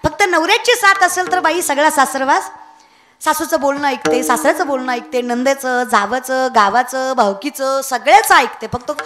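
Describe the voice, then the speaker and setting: A woman's voice: sits high, moderate pace, a bit bright. A young woman giving a comic devotional kirtan sermon, telling a story, breaking into sung verses and teasing the audience. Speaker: kirtan preacher.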